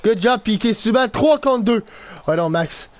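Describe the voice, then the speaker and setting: A young man with a Québécois French accent calls his hockey video game as he plays it. He talks in a high register and veers between frustrated groans and excited outbursts. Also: unhurried. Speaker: gaming YouTuber. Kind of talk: live gameplay commentary.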